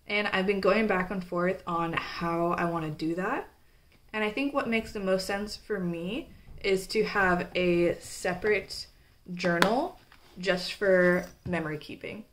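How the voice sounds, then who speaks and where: Young woman vlogger, mid-pitched, chatty show-and-tell with lots of fillers. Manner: chatty, with frequent "like" and "kinda". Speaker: stationery vlogger.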